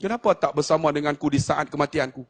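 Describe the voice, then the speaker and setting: A man voicing a dying prophet in a sermon, speaking slowly, weakly and gently. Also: a little high, husky. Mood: solemn. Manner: slow, hushed, weary.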